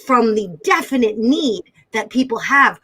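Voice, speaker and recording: A woman's voice: a little high, expressive, unhurried, a bit bright, husky, poor audio. A woman sales coach speaking as a guest in an interview, emphatic and stacking words for effect. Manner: emphatic, builds lists of words. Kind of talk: animated interview talk.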